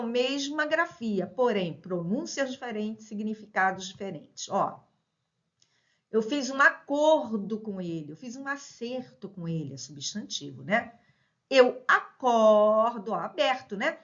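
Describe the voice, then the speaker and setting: Woman teacher with emphatic stressed words. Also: mid-range voice. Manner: explains with many tag questions like "né?" and "certo?"; stresses example words with sudden loud emphasis. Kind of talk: grammar lesson. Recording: slightly dull lo-fi sound.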